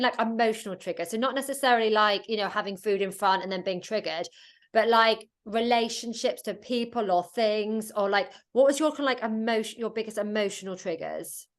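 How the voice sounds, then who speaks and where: A woman's voice: a little high, fairly quick. A woman hosting a podcast, asking loosely phrased questions in a chatty, conversational way. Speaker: podcast host. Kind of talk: conversational interview.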